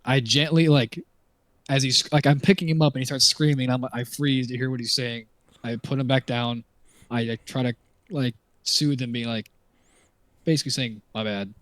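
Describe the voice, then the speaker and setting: A man's voice: mid-range voice, fairly even intonation, moderate pace, dry recording. A man playing a tabletop game, talking casually and swearing freely. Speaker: player.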